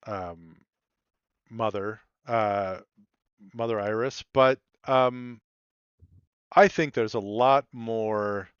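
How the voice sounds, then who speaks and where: A man running a tabletop role-play game, speaking measured and filling pauses with ums and uhs. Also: fairly low pitch, a bit bright, clean tone, no echo, dull audio. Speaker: game master. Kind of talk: tabletop role-play narration and character voicing.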